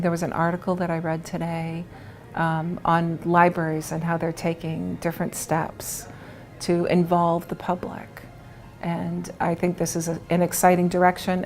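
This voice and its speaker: A woman's voice: on the low side, a little mellow. A woman attending an event, sharing her impressions in a casual interview.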